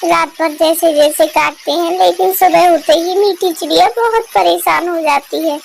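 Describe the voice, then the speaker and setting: A woman's voice: very high-pitched, moderate pace, gravelly, slight background noise. A woman narrating a children's cartoon story in simple, plain storytelling.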